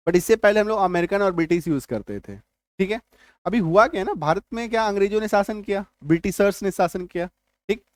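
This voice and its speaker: Male tutor, high voice, dry close sound, repetitive explaining style. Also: lively intonation, dry recording. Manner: repetitive, checks in with "है ना" and "ठीक है"; spells words out letter by letter slowly. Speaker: English teacher. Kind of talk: spoken lesson to viewers.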